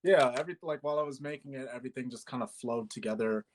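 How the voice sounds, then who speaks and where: A man's voice: medium pitch, fast talker, background noise. A man in his twenties from Bangladesh, a musician guest chatting casually in an interview, with many fillers and easy laughs. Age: 20s.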